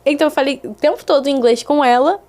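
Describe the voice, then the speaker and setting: A young adult woman with a high-pitched voice talks at a quick pace as a guest on a casual podcast, telling stories animatedly and acting out the voices she quotes.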